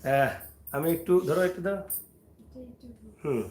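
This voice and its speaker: A father films a casual family vlog in a fairly high voice for a man. He switches between gently coaxing and teasing his little boy and chatting with his viewers. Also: expressive, normal speed, a little hiss or hum. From Sylhet, Bangladesh.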